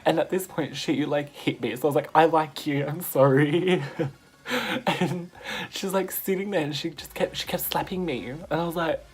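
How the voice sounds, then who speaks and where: A man telling a story in a casual vlog, animated and laughing, swearing freely as he goes. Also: on the high side, brisk, breathy edge. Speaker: vlogger.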